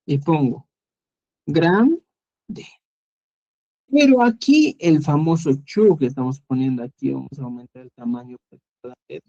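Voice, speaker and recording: A man with a Peruvian Spanish accent teaches a screen-recorded lesson, slow and patient, repeating each word. His voice is mellow and dark, yet it swings widely in pitch. The recording is dull and lo-fi. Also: lively intonation. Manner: patient, repeats words and asks "¿ya?". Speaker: Quechua language teacher.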